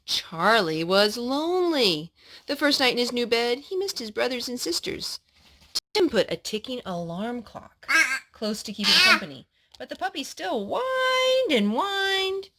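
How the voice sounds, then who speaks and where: A female storyteller reads to a child from a kids' book in a spirited way, interrupting herself to explain and ask things. Her pitch is slightly high.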